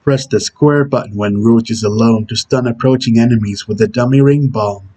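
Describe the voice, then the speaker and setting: Man doing a husky Shadow impression, stern game antihero. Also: mid-range voice, normal speed, mellow, close to an everyday voice. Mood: stern, instructional. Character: Shadow, brooding male video game antihero giving tutorial hints. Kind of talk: character impression reading game tutorial instructions.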